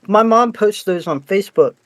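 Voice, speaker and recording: A man's voice: high voice, expressive, moderate pace, no room sound. A man co-hosting a podcast as the joking, self-deprecating comic relief, with a slight lisp. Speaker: podcast co-host. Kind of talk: casual podcast chat.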